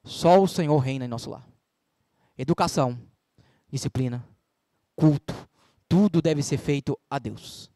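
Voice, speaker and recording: A man's voice: mid-range voice, measured pace, pauses often, warm tone, no echo. A man with a Brazilian Portuguese accent preaching a sermon as pastor, emphatic, with rhetorical questions and scripture quotes. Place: church.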